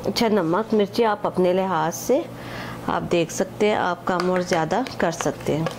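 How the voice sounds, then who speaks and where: With background noise behind her, a woman whose voice sits on the low side talks at a moderate pace through a home recipe for her cooking channel. She explains each step conversationally, repeatedly calling viewers' attention with "acha ji" and "ye dekhen," and mixes English units into Hindi-Urdu.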